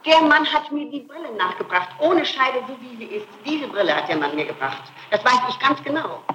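A middle-aged woman being interrogated as a suspect answers in a high, sing-song voice, fairly quickly. She defends herself with persistent, emphatic repetition, and the noisy archival tape sounds muffled.

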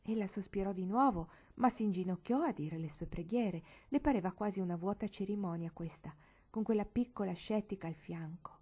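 A woman from Italy reads a classic novel aloud in a steady, expressive voice. Her pitch sits in the middle range and she takes her time with each sentence. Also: brisk, breathy edge. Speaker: reader. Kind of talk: audiobook narration.

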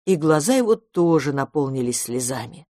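A reader narrating a children's audiobook in a calm, even storytelling manner. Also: mid-range voice, moderate pace, no echo, clean studio sound.

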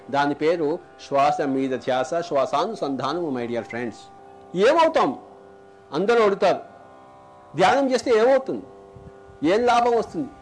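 High-voiced Telugu-accented spiritual teacher. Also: male voice, slight background noise. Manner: rhetorical questions, repeats lines for emphasis; chants Sanskrit verses slowly, drawn out. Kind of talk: spiritual discourse.

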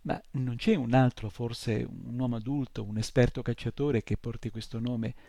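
A man's voice: medium pitch, steady tone, normal speed, gravelly, warm tone, dry recording. A man voicing an old male centaur healer who grumbles impatiently, in an audiobook reading. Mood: gruff.

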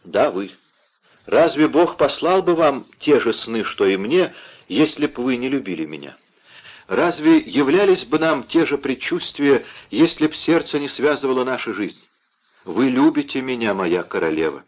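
A man's voice: mid-range voice, sing-song, normal speed, dull audio. A man playing a passionate, devoted young nobleman in an audiobook, speaking ardently. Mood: tender. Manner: ardent, impassioned.

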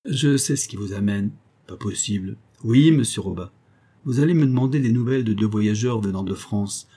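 A man reading the part of a weathered older boatman and former convict, low-voiced, humble and eager to serve. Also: moderate pace, warm tone, breathy edge. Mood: earnest.

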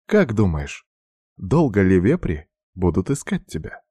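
A man voicing a cold, stern middle-aged headmistress who speaks in a measured, lecturing way. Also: sits low, sing-song, mellow, breathy edge, no echo, exaggerated voice.

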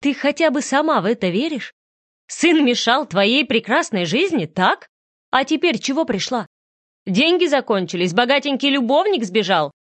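A woman's voice: high-pitched, sing-song, moderate pace, no room sound, voice pushed up. A woman reading an audiobook, voicing a stern, protective father who speaks curtly and coldly through gritted teeth. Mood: harsh. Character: stern protective young father, harsh and cold.

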